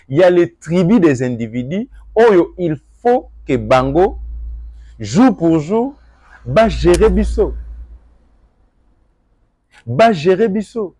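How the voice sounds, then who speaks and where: A young Congolese man with a Congolese French accent giving an earnest address to viewers, moving between calm reflection and emphatic appeals. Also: a little high, no room sound, studio quality. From Democratic Republic of the Congo. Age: young adult. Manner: earnest, rising to emphatic, mixes French and Lingala. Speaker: political commentator.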